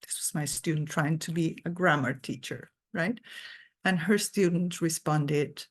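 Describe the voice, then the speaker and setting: Low-voiced woman giving an academic talk. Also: a little slow, husky. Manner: earnest, thoughtful explaining. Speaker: guest lecturer. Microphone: video call.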